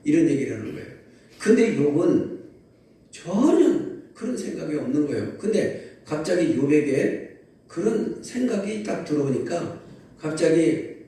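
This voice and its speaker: A male pastor delivers a Sunday sermon in a lively storytelling manner, often calling out to his listeners. His voice is mellow and dark. He is picked up from a distance in a very echoey church hall with faint ambience behind him. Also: mid-range voice. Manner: lively storytelling preaching, calls to the congregation. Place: large church sanctuary.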